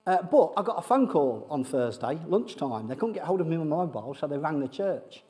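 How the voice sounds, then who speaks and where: Male preacher, slightly high voice, loose conversational sermon, self-deprecating jokes, lots of ums. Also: very animated, a little fast, warm tone. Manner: humorous, self-deprecating, many fillers. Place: church sanctuary with congregation.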